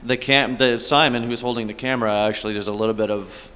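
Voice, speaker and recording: A man's voice: medium pitch, steady tone, fast talker, pushed and bright. A man being interviewed about his film, answering in a friendly, candid way. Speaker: filmmaker guest. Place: film festival venue. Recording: reverberant hall.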